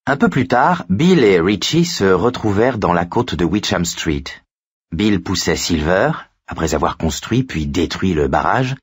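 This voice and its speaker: Low husky male audiobook narrator. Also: unhurried, no room sound, clean studio sound. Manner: steady storytelling. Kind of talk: scripted narration.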